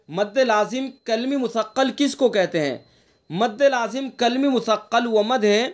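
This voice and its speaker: A man teaching Quran recitation in an online tajweed lesson, patiently repeating rules, quizzing his students and drawing out recited examples slowly. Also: extremely high pitch. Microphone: video call. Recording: muffled lo-fi online class audio.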